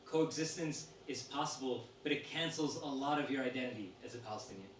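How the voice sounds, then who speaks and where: Man, steady measured reading voice, echoey room, distant mic, faint hiss. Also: mid-range voice. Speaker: reader of interview answers. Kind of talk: reading a text aloud to an audience. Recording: roomy sound from a distant mic with faint noise.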